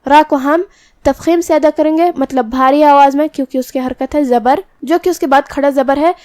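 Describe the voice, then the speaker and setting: A woman teaching Quran recitation rules in a tajweed lesson, explaining each letter step by step and chanting verses slowly. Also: sits high, a little mellow, no echo, studio quality.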